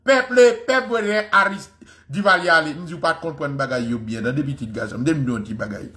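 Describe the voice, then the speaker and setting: A man's voice: fairly high pitch, a little fast, sharp tone. A man giving an impassioned history lecture, fervent and repeating phrases for emphasis.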